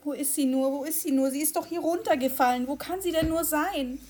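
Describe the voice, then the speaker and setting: A woman voicing a sad, gentle female elephant in a children's story, worried and plaintive. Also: high voice, brisk, natural voice. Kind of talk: children's audio story acting.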